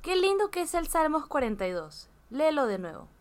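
A woman's voice: sits high, very animated, fairly quick, slight background noise. A woman co-hosting a casual chat, playfully sharing her notes on the reading with jokes. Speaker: podcast co-host.

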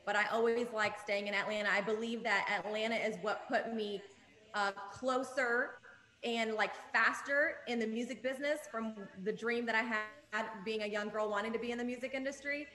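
A woman's voice: fairly high pitch, steady tone, normal speed, sharp tone, roomy sound, poor audio. A woman born in Jordan, an upbeat, talkative guest speaking over a video call. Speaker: music industry guest. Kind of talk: casual interview.

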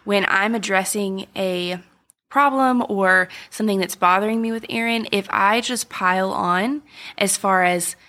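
A woman's voice: mid-range voice, measured pace, pushed and bright. A young adult woman co-hosting a podcast, talking in an earnest, affirming way. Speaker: podcast co-host. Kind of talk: casual chat.

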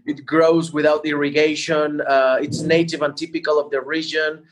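Guy, slightly high voice, explaining stuff in an interview, stops and repeats words. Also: level tone, moderate pace. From Mexico. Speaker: interview guest, entrepreneur.

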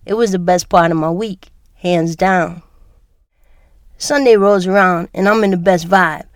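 A woman hosting her podcast, telling a personal story in a relaxed, chatty way while congested from a cold. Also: lowish voice, unhurried, no echo, clean studio sound. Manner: relaxed, chatty, laughs easily. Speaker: podcast host.

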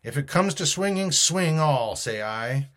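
A man's voice: a little high, animated, measured pace, fairly bright tone. A man doing a blustering old sea captain. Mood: shouting.

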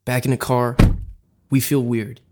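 A man hosting a podcast, telling a scripted comic story in a wry, deadpan way with rhyming intros. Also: medium pitch, measured pace, loud music behind the voice.

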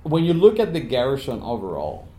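A man, speaking as an Army command sergeant major guest in an upbeat, animated podcast interview. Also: mid-range voice. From Puerto Rico. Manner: upbeat, animated, speeds up and slows down.

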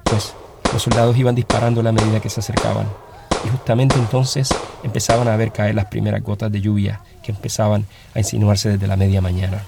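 A man reading a story aloud as narrator, in a steady, dramatic storytelling manner. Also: fairly low pitch, brisk, gravelly, music in the background.

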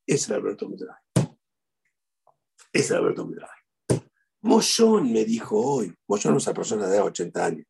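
A man's voice: fairly low pitch, wildly swooping pitch, moderate pace, creaky, pauses often, mellow, husky. A middle-aged man with an Argentine Spanish accent, a rabbi giving a eulogy sermon and telling stories with animation, repeating key phrases.

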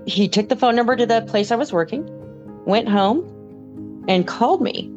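A woman's voice: a little high, expressive, normal speed. A woman interview guest telling a personal recollection in a conversational way. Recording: slightly dull audio, faint music.

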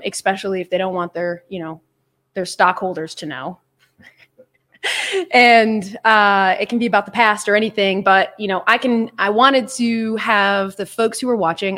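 A woman's voice: mid-range voice, a bit bright. A woman hosting a casual panel chat, telling stories with frequent laughs and some swearing. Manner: laughing, swearing, chatty storyteller. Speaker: host.

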